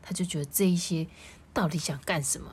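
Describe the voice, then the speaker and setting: A woman's voice: lowish voice, fast talker, a little mellow, husky. A woman reading a picture book aloud to her child at home, stopping to ask questions.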